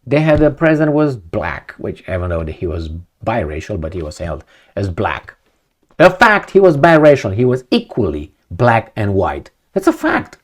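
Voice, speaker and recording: A man's voice: fairly low pitch, wildly swooping pitch, normal speed. A man from Romania, giving a rambling opinion monologue to camera, full of rhetorical questions and repetition. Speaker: video commentator.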